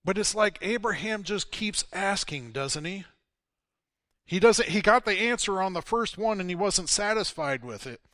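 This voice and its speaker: Man from Missouri, pastor, storytelling sermon; bright, slightly high voice, dry close sound. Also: expressive, normal speed, dry recording. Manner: storytelling, acting out biblical dialogue.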